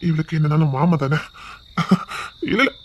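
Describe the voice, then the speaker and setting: An actor playing a man who broods over a hurt sister, quietly repeating himself, with a fairly high voice. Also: fairly even intonation, normal speed, muffled recording, lightly acted. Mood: brooding. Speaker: actor in a television serial. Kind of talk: television drama acting.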